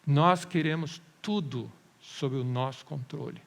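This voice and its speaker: A man's voice: mid-range voice, unhurried, gravelly. A man preaching a sermon as pastor, firing rhetorical questions and mimicking doubters' voices. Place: church service. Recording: long reverb of a church hall.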